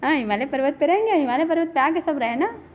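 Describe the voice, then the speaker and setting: A woman teaching Sanskrit, telling the story in an animated way and acting out what the characters say. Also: sits high, fast talker. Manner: animated storytelling, acts out quoted speech. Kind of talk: storytelling lesson explaining verses. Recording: phone-like line with faint hiss.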